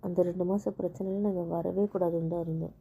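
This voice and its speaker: A woman talking with her husband in a casual couple conversation, explaining things patiently and calmly. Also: on the low side, quick pace, gravelly, slight background noise. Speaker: wife.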